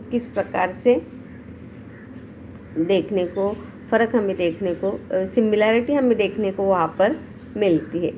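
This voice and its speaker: Slow-paced woman teaching words. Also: mid-range voice, noisy background. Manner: reads word lists aloud one by one, explaining in between. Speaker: English teacher. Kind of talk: slow online vocabulary lesson.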